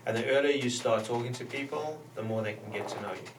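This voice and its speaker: A man's voice: mid-range voice, fast talker. A man speaking as a startup founder on a casual panel, explaining and advising, often restarting his phrases. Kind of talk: casual panel interview answers. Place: roomy space, radio show recording. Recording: roomy, distant mic with slight noise.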